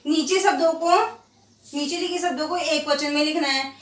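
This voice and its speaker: High-voiced woman teaching slowly in an echoey room. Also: steady tone, recorded from a distance. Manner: slow, drawn-out repetition of example words; asks questions and answers them herself. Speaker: school teacher. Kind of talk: Hindi grammar lesson for children. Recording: echoey room, voice set back from the mic.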